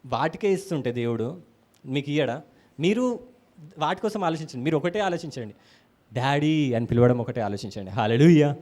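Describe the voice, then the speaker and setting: Telangana preacher guy, high voice, lively sermon in church, acts out the bible quotes. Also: normal speed, long pauses. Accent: Telangana Telugu. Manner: animated, acts out quotes, calls out hallelujah to the congregation.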